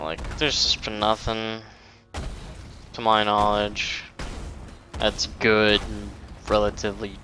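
A man's voice: on the low side, pushed and bright. A man giving casual, rambling commentary over a video game, swearing often and mocking himself. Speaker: let's play gamer.

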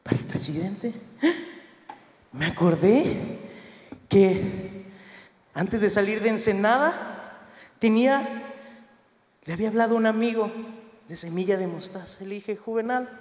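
High-voiced young man telling a story. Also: unhurried, long pauses. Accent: northern Mexican. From Mexico. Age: young adult. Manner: animated, acts out quoted voices. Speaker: pastor giving a talk. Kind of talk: storytelling talk. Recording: echoey hall.

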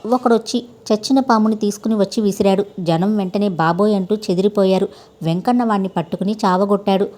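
A woman storyteller reading a scripted tale with steady, measured delivery. Her voice is mellow and soft-edged, neither high nor low. The reading stays calm and even throughout.

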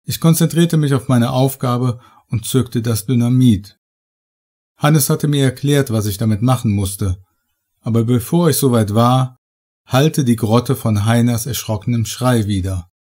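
A man reading a horror story aloud in measured, dramatic, scripted narration. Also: mid-range voice, dark tone. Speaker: audiobook narrator.

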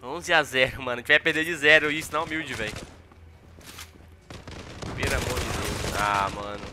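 A man's voice: medium pitch, normal speed, over music. A young man with a Brazilian Portuguese accent, giving casual commentary over his own gameplay, exasperated and full of slang. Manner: exasperated, slangy, repeats tags like mano and véi. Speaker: gaming YouTuber. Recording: gunfire sounds under the voice.

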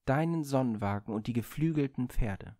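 Earnest young guy pleading with his godly dad, a man reading it, a bit gravelly. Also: mid-range voice, lively intonation, moderate pace, warm tone, no room sound, clean studio sound, natural voice. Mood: eager. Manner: hesitant and pleading. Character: Phaethon, a proud, earnest young man, son of the sun.

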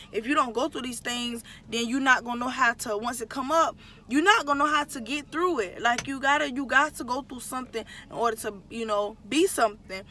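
A woman vlogger talking heartfelt to the camera, effusive and excitable, repeating herself and speeding up in bursts. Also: a little high, a little hiss or hum. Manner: quick bursts of speech.

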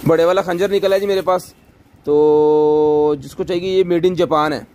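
A man selling goods on a live stream in an overeager, insistent teleshopping pitch, repeating himself often. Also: steady tone, moderate pace, darkish tone, slight background noise.

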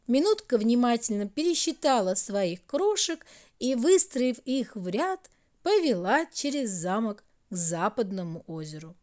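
Woman storyteller, fairy-tale narration, sing-song, expressive, slow. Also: fairly high pitch.

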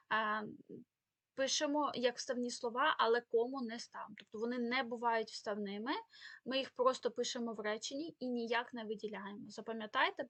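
A woman's voice: fairly high pitch, sharp tone, no room sound. A woman teaching a spoken grammar lesson, explaining rules with many fillers and self-corrections. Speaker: Ukrainian language teacher.

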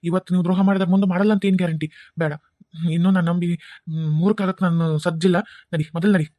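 A woman's voice: fairly low pitch, fairly even intonation, dark tone, no echo, studio quality, voice pushed down, lightly acted. A woman doing a furious North Karnataka father. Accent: North Karnataka Kannada. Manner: scolding, fast and heated. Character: angry protective father, grown man.

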